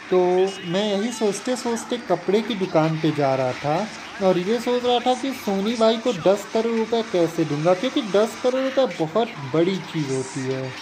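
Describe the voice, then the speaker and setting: A man's voice: high-pitched, background noise. A man casually narrating a game story as a chatty, slangy storyteller. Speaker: gameplay narrator. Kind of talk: storytelling over game footage.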